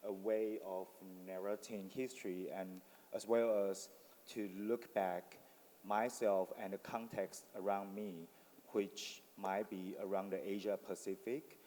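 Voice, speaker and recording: A low-voiced man speaks in a thoughtful, explanatory way with frequent fillers. His voice is mellow and dark. The recording carries the long reverb of a hall. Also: level tone, measured pace, slight background noise. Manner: reflective, explanatory, many fillers. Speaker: artist on a panel. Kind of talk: panel talk. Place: forum venue with audience.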